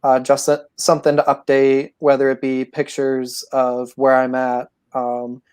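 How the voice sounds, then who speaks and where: Flat-toned young man, smooth voice. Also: medium pitch. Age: 20s. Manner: measured, explaining plans. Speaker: guest. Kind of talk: casual interview.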